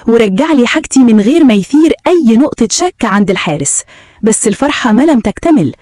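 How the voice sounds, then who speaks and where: A woman's voice: on the high side, warm tone, dry recording, clean studio sound. A woman with an Egyptian accent narrating a dramatic first-person story in a tense, urgent manner.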